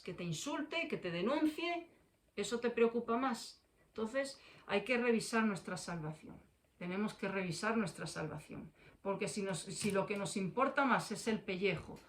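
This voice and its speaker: A woman's voice: mid-range voice, a little hiss or hum. A woman preaching a fiery sermon, repeating phrases for force and firing confrontational questions at listeners.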